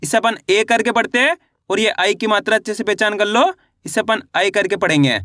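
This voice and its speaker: Bright-voiced man teaching Hindi reading. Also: high-pitched, no room sound, studio quality. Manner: patient, repeats questions and answers them himself; slows down to sound out syllables. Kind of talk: online literacy lesson.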